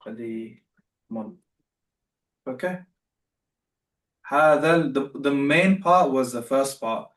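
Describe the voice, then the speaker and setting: A man's voice: mid-range voice, expressive, takes it slowly, pauses often, fairly bright tone, reverberant, distant mic. A man teaching beginner Arabic in a live online class, patient and repeating himself as he corrects students.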